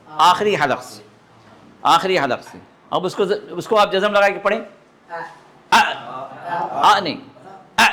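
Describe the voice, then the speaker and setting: A man teaching a live recitation class to students, sounding out throat letters and asking often if the point is clear. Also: high voice, a bit bright. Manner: demonstrates throat sounds, asks learners to confirm understanding. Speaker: religious teacher.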